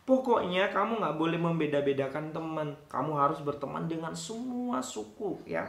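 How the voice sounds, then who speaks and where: A man's voice: on the high side, lively intonation, moderate pace, gravelly, reverberant. A man voicing a stubborn young child who whines and protests insistently. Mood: whiny. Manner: whining, insistent, rising protests.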